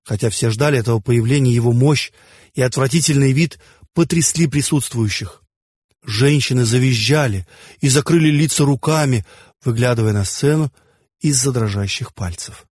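Husky male audiobook narrator. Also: mid-range voice, darkish tone, dry recording, studio quality. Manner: measured, first-person storytelling.

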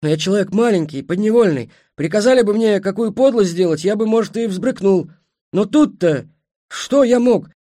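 A man voicing a gruff, plain-spoken middle-aged train driver in an audiobook. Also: medium pitch, very animated, moderate pace, fairly bright tone, no echo, clean studio sound. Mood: pleading.

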